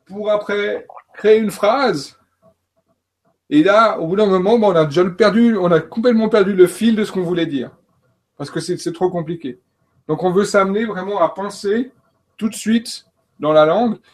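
Speaking at normal speed in a high, slightly raised voice, a French-speaking male coach and trainer joins a panel discussion on learning. He is hesitant, often restarting and filling gaps with fillers.

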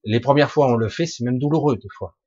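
A man with a husky, rough voice giving an informal spiritual talk to online listeners, halting yet emphatic, in colloquial, earthy wording. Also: mid-range voice, a little mellow, dry recording, dull audio. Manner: halting and emphatic, with colloquial swearing and sound-effect words. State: coughing now and then. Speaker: spiritual teacher answering listeners' questions live.

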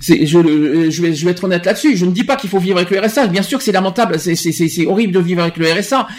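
Emphatic high-voiced Frenchman. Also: very fast. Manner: emphatic, repeats and restarts words. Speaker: podcast host. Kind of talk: casual chat.

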